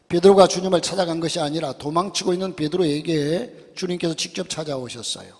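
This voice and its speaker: Korean church pastor preaching, kinda high husky voice, big church reverb, gets loud then drops soft. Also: male voice. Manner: preaching with sudden loud rises and soft asides. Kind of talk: sermon. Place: church sanctuary. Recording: long church hall reverb.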